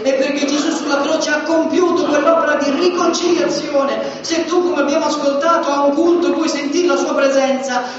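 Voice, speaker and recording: Male preacher: emphatic sermon with loud-soft swings, captured from afar in a long-reverb hall. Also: extremely high pitch, a little hiss or hum. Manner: emphatic, swings between loud declarations and hushed asides. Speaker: pastor. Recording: echoey hall, distant mic, dull sound.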